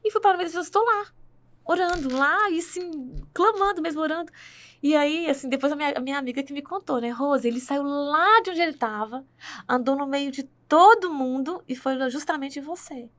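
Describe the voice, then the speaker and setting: A woman's voice: high-pitched, brisk, fairly bright tone. A woman with a Brazilian Portuguese accent telling her faith testimony in conversation, earnest and full of tag questions.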